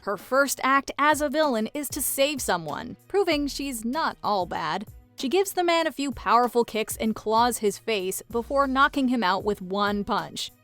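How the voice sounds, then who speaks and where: A woman's voice: fairly high pitch, lively intonation, measured pace, a bit bright, faint music behind. A woman narrating a scripted pop-culture countdown video.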